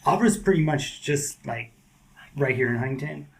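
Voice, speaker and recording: A guest skateboarder on a podcast talks casually and loosely in a gravelly, mid-range voice at a moderate pace. He's relaxed and slangy, saying "like" and "dude" a lot.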